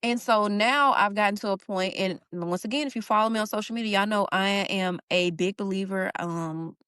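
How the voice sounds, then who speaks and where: A woman's voice: medium pitch, a little fast, a bit bright, smooth, dry recording. Young woman, stay-at-home mom, earnest, informal, casual talk, dry recording. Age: young adult. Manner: earnest, Southern-tinged informal speech with y'all. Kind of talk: casual heartfelt conversation.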